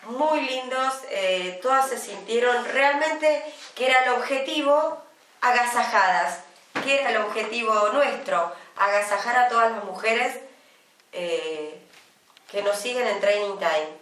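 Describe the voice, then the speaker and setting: In a small indoor TV studio, a fifties-aged woman with an Argentine Spanish accent co-hosts a casual chat show, speaking chattily with plenty of long pauses. Her voice is a little high and a bit bright. The desk mic sits some distance away, giving a roomy off-mic sound with slight background noise.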